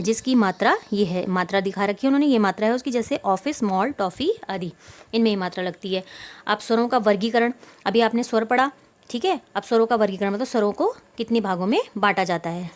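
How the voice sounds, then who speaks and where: Woman teacher, patient explaining, repeats and answers own questions, mixes in english words. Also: medium pitch. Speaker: school Hindi teacher. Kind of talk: online class lesson.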